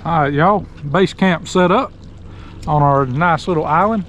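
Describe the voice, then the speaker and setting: A man with a rural South Georgia accent chatting casually to camera in a folksy, joking, unhurried porch-sitter way as he hosts an outdoor vlog. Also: fairly high pitch, a bit bright. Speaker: host of an outdoor fishing and camping vlog. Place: outdoors on a river sandbar and boat. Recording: outdoor noise from boat and river.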